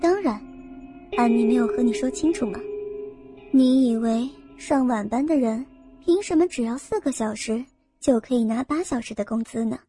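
A woman's voice: fairly high pitch, normal speed, dark tone, husky, faint music behind, voice pushed down. A woman voicing a cold, sneering female sales manager of about forty, speaking in a mocking, scolding way.

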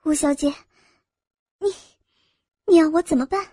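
Young saleswoman, high-pitched and pleading, voiced by a woman narrator; anxious, protesting delivery. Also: normal speed, warm tone, no room sound, lightly acted.

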